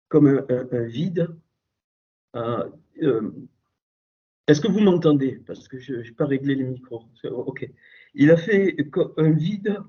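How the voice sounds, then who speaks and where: A man's voice: mid-range voice, dark tone, breathy edge. A man giving an emphatic spoken religious teaching as a Torah teacher over a computer call. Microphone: computer call microphone. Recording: dull lo-fi call audio.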